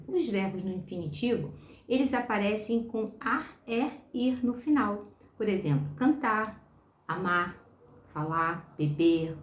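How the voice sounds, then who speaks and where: A woman's voice: mid-range voice, a little mellow. Patient teacher woman, echoey room. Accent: Brazilian Portuguese. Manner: slow, patient, repeats words for young pupils. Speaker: primary school teacher. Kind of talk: online class for children.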